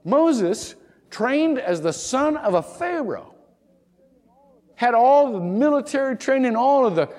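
This preacher's voice is very high yet darkish in tone, animated but slow, echoing through a big room. His sermon rolls along in folksy, humorous storytelling, with short acted-out voices for the people he mentions.

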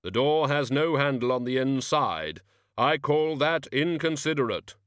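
Storybook Death, played by a male narrator: skeletal, slow, plaintive, heard muffled through a stove pipe, mid-pitched. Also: expressive, fairly bright tone, clean studio sound. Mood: grumbling. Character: Death, a bony male personification of death. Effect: muffled, echoing from inside a stove pipe. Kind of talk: audiobook character voice.

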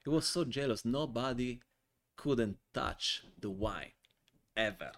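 A man in his forties from Italy with an Italian accent, a guest telling animated, joking stories in a casual podcast interview. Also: mid-range voice, takes it slowly. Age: 40s. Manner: animated, joking storyteller in non-native English. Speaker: guest, wine importer.

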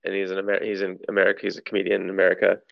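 Gravelly low-voiced podcast host. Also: male voice, monotone, rapid-fire. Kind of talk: casual sports chat. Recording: dull lo-fi sound.

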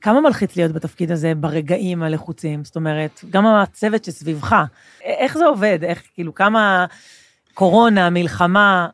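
A woman's voice: lowish voice, no echo. A woman hosting a podcast in a studio, asking questions in a chatty, casual way. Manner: chatty, finishes the guest's sentences. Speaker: podcast host. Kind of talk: casual interview chat.

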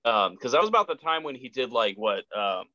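A man in a casual chat over a video call, swearing freely and stressing his points slowly. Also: mid-range voice, big pitch swings, sharp tone, lo-fi sound.

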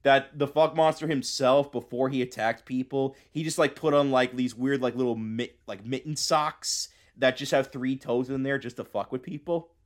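A man co-hosting a podcast in casual, joking chat, excitable and rambling with lots of fillers. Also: medium pitch, normal speed, hardly any pauses. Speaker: podcast co-host.

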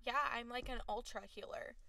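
A young woman co-hosting a podcast, chatting in an animated way and laughing a lot. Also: on the high side, brisk, no echo, distant mic. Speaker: podcast co-host. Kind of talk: casual chat. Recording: voice from a bit off mic.

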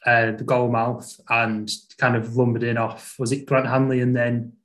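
A man's voice: mid-range voice, level tone, normal speed, a bit bright. A man hosting a football podcast in a casual, chatty style. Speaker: podcast host.

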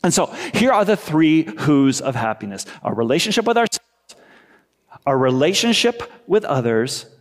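Lively preacher in an echoing hall. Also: male voice, on the high side, normal speed. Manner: lively and conversational, acting out quoted voices. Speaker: pastor. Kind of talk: sermon. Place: church sanctuary. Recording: long reverb of a church hall.

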